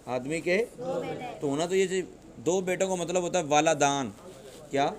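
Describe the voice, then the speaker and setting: A man with a Pakistani Urdu accent teaching a classroom grammar lesson, drilling students with repeated questions. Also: a little high. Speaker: religious teacher.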